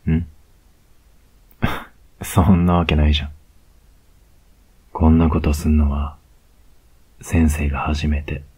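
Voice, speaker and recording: A man's voice: rumbling low, flat delivery, husky, full character voice. Man playing a cocky, teasing Kansai student. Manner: slow, close, teasing murmur with soft laughs. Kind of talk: whispered role-play.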